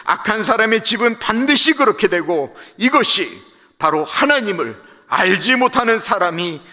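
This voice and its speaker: A man's voice: high voice, expressive, moderate pace, bright, forceful tone, pitched above the performer's own voice, heavily acted. A man voicing a scornful, accusing ancient friend of Job, scolding in a raised, mocking voice. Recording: echoey church sanctuary livestream.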